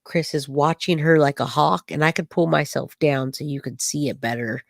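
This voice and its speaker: A true-crime streamer with a low voice and vocal fry talks at a normal speed to her live chat about a clip, probing skeptically and firing off rhetorical questions. Dust and allergies leave her voice slightly off. The recording is dry and close, with no sense of a room.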